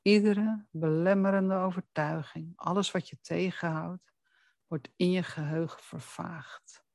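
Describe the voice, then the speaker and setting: A soothing, deliberate voice guiding the listener through a relaxing hypnosis, speaking closely and intimately, right in the ear. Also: medium pitch, steady tone, creaky, darkish tone, no room sound. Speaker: hypnotherapy guide. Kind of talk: guided hypnosis relaxation narration.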